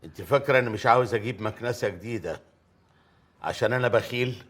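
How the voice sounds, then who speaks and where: A man's voice: mid-range voice, fast, fairly bright tone, lightly acted. An actor with an Egyptian accent playing a stingy, short-tempered older man who grumbles and hurls insults. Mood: grumbling. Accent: Egyptian Arabic. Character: stingy grumpy older man, quick to anger.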